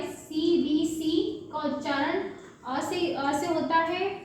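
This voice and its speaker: A woman, teaching a phonics lesson for beginners. She spells out letters slowly and asks and answers her own questions. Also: extremely high pitch, a little mellow. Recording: very echoey room, voice from far off, faint background hum.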